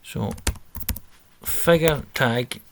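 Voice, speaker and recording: A man's voice: medium pitch, extremely slow, vocal fry, slight background noise. A man talking through a coding exercise on a screen recording, reading out steps and correcting himself as he goes. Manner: thinking aloud, self-correcting, reading instructions. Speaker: coding tutor. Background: keyboard typing.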